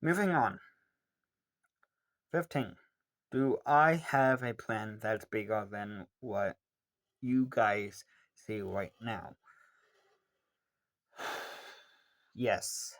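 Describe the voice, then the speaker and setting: A young man in his late teens answering viewer questions in a casual, rambling way, with many pauses and ums. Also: lowish voice, a bit bright. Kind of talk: casual Q&A monologue.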